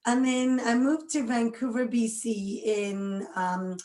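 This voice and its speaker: A woman's voice: a little high, slow, warm tone, echoey room. A woman around forty from Scotland, a guest chatting with lots of energy and frequent laughs. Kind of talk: casual interview chat.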